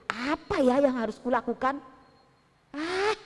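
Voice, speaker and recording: A greedy, petulant king, voiced by a woman, pitched high and swinging widely as he coaxes and whines. The voice carries a long hall echo. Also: animated, a little slow. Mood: sulky. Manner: coaxing, then whiny and petulant. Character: greedy, sulking king, male adult.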